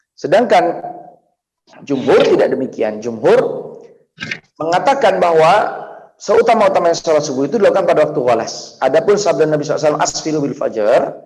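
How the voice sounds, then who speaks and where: A man giving a casual, anecdote-filled religious lesson as the teacher, with sudden excited rises in his voice. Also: fairly high pitch, poor audio. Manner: chatty, anecdotal, rising excitedly at points. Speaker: Islamic teacher.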